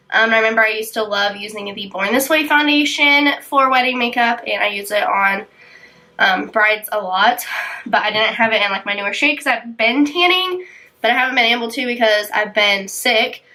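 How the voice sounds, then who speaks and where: A young beauty vlogger chats casually while doing her makeup in a get-ready-with-me video, saying "um" and "like" a lot. Her slightly high, sharp voice sounds congested and sick, with a tight, dry throat.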